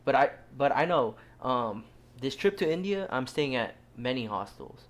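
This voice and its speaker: Young male co-host from Southern California, relaxed joking banter in an average-pitched voice. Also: moderate pace. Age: young adult. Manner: laid-back, joking banter, often laughing. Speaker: podcast co-host. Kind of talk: casual chat.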